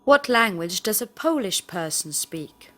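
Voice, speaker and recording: A woman playing a language teacher reads a scripted question drill aloud, phrasing each question carefully. Her mid-range voice is expressive and sharp in tone, and she speaks a little slowly.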